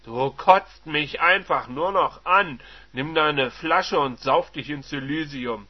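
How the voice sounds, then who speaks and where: Taking it slowly in a husky voice, a man performs the part of an enraged, humiliated middle-aged wife hurling shrill accusations. The recording sounds dull and lo-fi.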